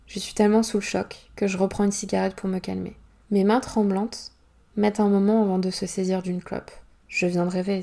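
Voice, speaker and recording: Gravelly-voiced woman reading her novel. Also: mid-range voice, mellow. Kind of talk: audiobook reading, first-person narration.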